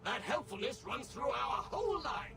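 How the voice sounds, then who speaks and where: An actor playing an overly smooth, servile male robot tour guide in a video game, with polished, cheery, scripted delivery. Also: very high voice, sing-song, normal speed, full character voice. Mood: presenting. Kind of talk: recorded game dialogue. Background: game music.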